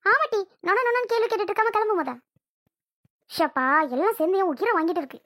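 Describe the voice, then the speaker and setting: A voice actor doing a bossy sharp-tongued bride. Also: very high-pitched, expressive, quick pace, no echo, studio quality. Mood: scornful. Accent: Tirunelveli Tamil. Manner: taunting, bossy. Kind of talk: cartoon voice acting.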